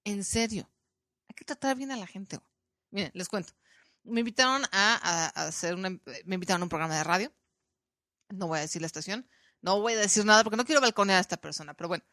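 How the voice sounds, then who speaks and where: A podcast host with a Mexican accent chats casually in a medium-pitched, quick voice, recorded dry and at studio quality. She tells her story with animation, acting out the voices of the people she quotes.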